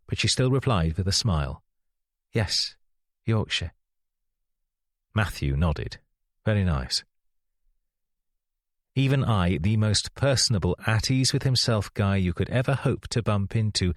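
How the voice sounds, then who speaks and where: Male reader, very low voice, dry studio read, wry and measured for a first-person thriller. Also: no echo. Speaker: audiobook narrator. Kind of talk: scripted audiobook narration.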